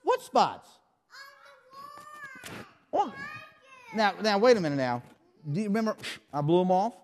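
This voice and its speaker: Animated man doing a kids' magic show. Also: high-pitched, fairly quick, a little hiss or hum. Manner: playful mock surprise, call-and-response with children. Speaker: children's magician. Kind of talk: magic show patter for kids. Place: church hall with a live audience. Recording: echoey hall.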